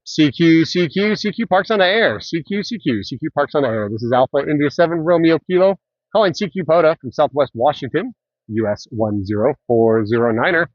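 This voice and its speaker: A man's voice: fairly high pitch, lively intonation, brisk, dry recording, dull audio. Man calling CQ on ham radio. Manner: ham radio call, repeating CQ and phonetic call sign. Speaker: ham radio operator activating a park.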